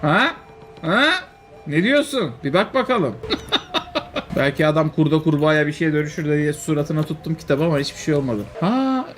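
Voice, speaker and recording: A man giving casual, joking commentary while playing a game, quick to exclaim and swear. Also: a little high. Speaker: streamer.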